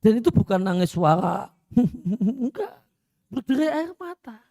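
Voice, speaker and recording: Mellow-voiced male preacher giving a lecture. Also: high-pitched, big pitch swings, measured pace, vocal fry, no room sound, clean studio sound. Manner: conversational, repeats phrases, frequent "ya" fillers; mixes in Arabic phrases. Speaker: Islamic preacher. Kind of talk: religious study lecture.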